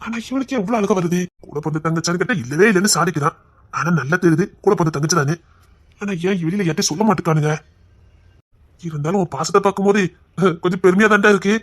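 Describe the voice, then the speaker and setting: An actor playing an emotional young brother-in-law, speaking with a Tirunelveli accent in a tearful, stammering, affectionate way. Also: male voice, sits high, fast talker, a bit bright. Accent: Tirunelveli Tamil. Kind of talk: web series acting.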